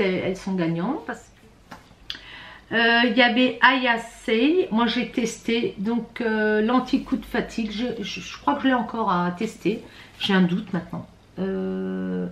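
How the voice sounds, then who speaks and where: A woman's voice: mid-range voice, normal speed, fairly bright tone, reverberant. A woman vlogger chatting casually through a beauty box unboxing, hesitant and full of fillers and restarts, with a slightly rattly voice. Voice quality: self-described rattly voice.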